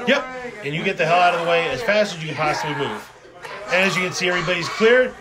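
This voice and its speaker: High-voiced man calling wrestling. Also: lively intonation, fast, a loud crowd. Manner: exclamatory, slangy. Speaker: wrestling commentator. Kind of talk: excited live play-by-play wrestling commentary.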